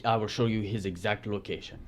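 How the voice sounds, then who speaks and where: A man voicing a surly, vengeful male prisoner in a put-on, deliberately bad Spanish accent, speaking in halting, clipped phrases during a tabletop game. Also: on the low side, fairly even intonation, a little hiss or hum, close to an everyday voice. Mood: bargaining. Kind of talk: tabletop role-play.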